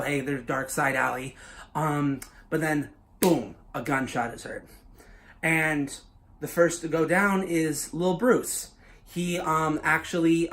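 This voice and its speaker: A man casually pitching his own story as a YouTuber, loose and swearing, full of filler words. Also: fairly bright tone.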